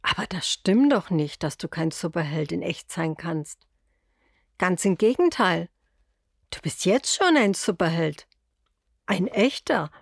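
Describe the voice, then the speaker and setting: A woman voicing a loving, patient old grandfather in a storybook, speaking in a gentle, reassuring way. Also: fairly low pitch, animated, measured pace, creaky, husky, no echo, studio quality, exaggerated voice. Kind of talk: storybook character voice.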